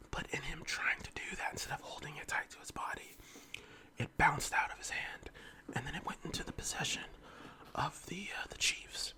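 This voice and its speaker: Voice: mid-range voice, pushed and bright. An ASMR host of unclear sex whispers close to the mic, as if leaning in, in an informal, meandering casual chat. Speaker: ASMR eating-video host.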